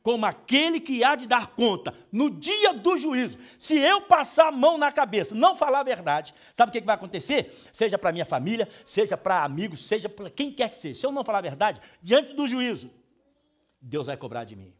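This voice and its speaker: A middle-aged man from Brazil preaching a sermon as pastor, emphatic, moving between hushed pleading and loud scolding. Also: high voice, big pitch swings, brisk.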